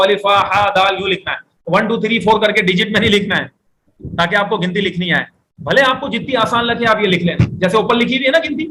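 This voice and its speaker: A man teaching an Arabic class, explaining step by step, asking the students questions and reading phrases slowly for them to repeat. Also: high voice, pushed and bright, slight background noise, poor audio. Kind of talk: classroom lecture.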